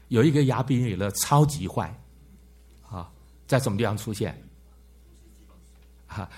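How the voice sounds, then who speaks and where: A man lectures a Bible class, often asking his listeners questions and tagging his sentences with "ha". His voice sits a little low and sounds husky. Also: darkish tone. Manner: frequent "ha" tag words and questions to the class. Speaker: Bible teacher.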